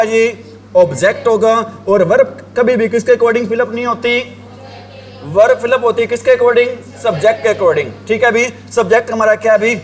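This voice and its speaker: A male teacher giving a grammar lesson, asking the class the same questions over and over and answering them himself. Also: extremely high pitch. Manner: drills the class with repeated questions, writing on a board. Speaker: English teacher.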